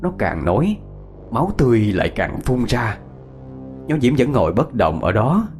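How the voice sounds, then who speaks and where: A man narrating a first-person horror story in a tense, dramatic manner, slowing for suspense. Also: medium pitch, very animated, darkish tone, soft background music.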